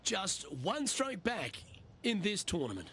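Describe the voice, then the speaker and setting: A man's voice: sits high, huge pitch swings, slow, heavily acted. A man working as lead golf commentator, calling play-by-play in a broadcast style. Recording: clear background ambience noise.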